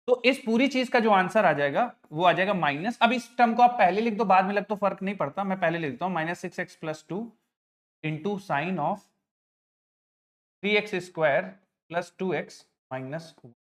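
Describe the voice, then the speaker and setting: A man's voice: sits high, expressive, normal speed, pauses often, fairly bright tone. A middle-aged man teaching maths to a class, patient, often checking whether the students follow on the terms. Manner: patient, addresses students as children, asks frequent check questions.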